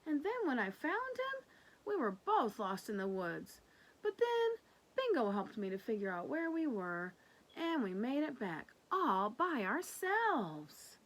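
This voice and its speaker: A woman voicing an excitable, dramatic little girl adventurer from a storybook, earnest and exclamatory. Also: high voice, slow pace, voice pushed up, heavily acted, poor audio. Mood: excited boasting.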